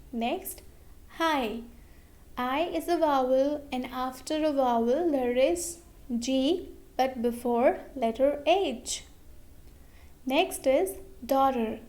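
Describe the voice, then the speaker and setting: A woman with a fairly high, mellow voice teaches English pronunciation at a very slow, deliberate pace. She repeats each example word and checks in with a frequent okay. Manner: slow, repeats words, says okay often. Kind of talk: slow explanatory lesson.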